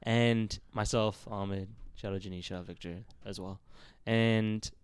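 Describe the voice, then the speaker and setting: Smooth, low-voiced joking podcast guest. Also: male voice, fairly even intonation, slow pace, no room sound. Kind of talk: casual podcast chat.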